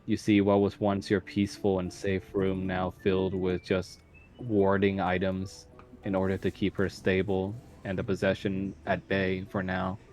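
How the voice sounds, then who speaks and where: A man narrating a tabletop role-playing game as game master, describing scenes at an unhurried pace with some fillers. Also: low voice, monotone, a little mellow, soft background music.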